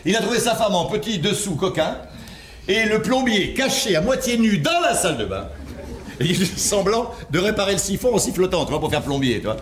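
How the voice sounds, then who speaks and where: A man's voice: high voice, big pitch swings, a little fast. A man playing a jilted former partner in an amateur audio drama, rambling and stammering with nervous laughs. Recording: roomy amateur recording with noise.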